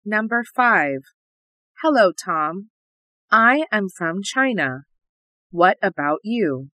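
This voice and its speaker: A woman reading an English listening test in a slow, carefully enunciated way. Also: medium pitch, expressive, bright, forceful tone, no echo. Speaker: test audio reader.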